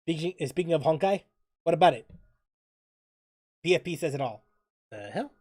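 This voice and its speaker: Clean studio sound with no echo carries a medium-pitched voice at a moderate pace. The gaming livestreamer keeps things casual and animated, cracking jokes, swearing mildly, reading chat and commenting on play. Music plays behind.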